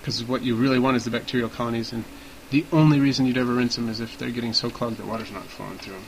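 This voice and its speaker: A man with a medium-pitched voice hosts a relaxed podcast. He explains things in careful, slightly formal wording, with some noise on the recording. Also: racing, poor audio. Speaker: podcast host. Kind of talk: casual explanatory chat.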